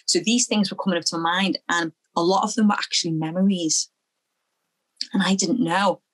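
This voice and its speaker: A young woman from Liverpool, speaking as an interview guest, earnest and halting, often repeating phrases as she recalls her past. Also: on the low side, steady tone, poor audio. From Liverpool, England. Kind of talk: personal testimony in an interview.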